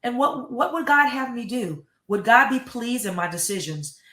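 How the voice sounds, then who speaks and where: A woman's voice: on the high side, lively intonation, normal speed, bright, forceful tone. Earnest middle-aged woman superintendent, echoey. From United States. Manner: earnest, emphatic, repeats words. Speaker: school superintendent. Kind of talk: interview answers.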